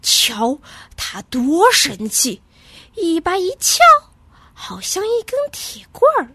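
A woman narrating a children's story with an expressive, sing-song delivery. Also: high-pitched, takes it slowly, dry recording.

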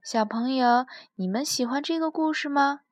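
Lady reading a kids story, high voice, slow and gentle, dry close sound. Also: no room sound. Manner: gentle, drawn-out, expressive reading. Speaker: children's storyteller. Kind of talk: children's bedtime story reading.

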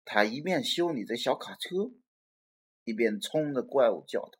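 A storyteller reading a children's picture book aloud, animated and acting out the characters. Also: medium pitch, moderate pace, breathy edge.

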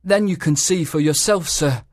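A man's voice: on the high side, moderate pace, slight background noise, natural voice. A man playing an anxious, deferential old-school servant. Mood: worried. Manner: anxious, respectful, addresses others as sir. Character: worried frightened male servant, polite and deferential. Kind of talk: audiobook drama reading.

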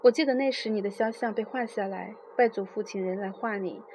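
Woman reading literary prose softly. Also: mid-range voice, a little fast, a little hiss or hum. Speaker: narrator.

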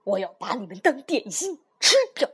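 Gruff snapping turtle, lady voicing it, low and slow, a bit dim, storybook. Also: big pitch swings, a bit bright, full character voice. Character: fierce hungry snapping turtle, slow-witted.

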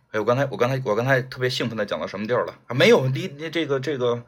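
A man hosting a livestream, chatting casually and retelling a story, acting out the characters' lines with lots of fillers. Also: medium pitch. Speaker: livestream host.

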